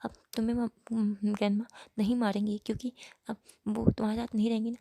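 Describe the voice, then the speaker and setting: A woman voicing a gentle, protective young father, with a soft, flat delivery. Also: on the high side, quick pace, vocal fry, no echo, clean studio sound. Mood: tender.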